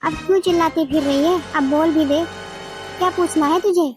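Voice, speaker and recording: A woman's voice: very high voice, fairly even intonation, normal speed, a little mellow, faint music behind. A woman voicing a bossy, scolding mother-in-law in a family cartoon. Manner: nagging, scolding.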